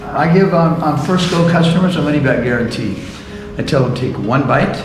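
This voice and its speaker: High-voiced older man, rambling. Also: steady tone, poor audio. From USA. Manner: unhurried, rambling, many uh fillers. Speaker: interviewee, street vendor. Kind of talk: casual storytelling interview. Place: outdoors on a town street. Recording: travel video with loud music bed. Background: loud background music.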